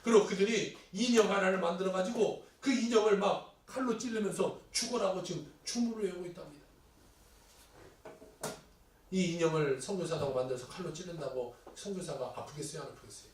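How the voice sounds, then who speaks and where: A male pastor delivers a sermon in a noticeably high voice, slipping into acted voices as he tells a story. He sounds set back from the microphone, and his words ring through an echoey church hall. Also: brisk, slight background noise. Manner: animated storytelling, acting out quoted voices. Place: church sanctuary. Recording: echoey hall, distant mic.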